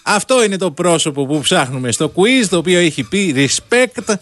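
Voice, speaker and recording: Male radio host, call-in quiz, playful teasing, high voice, very lively pitch.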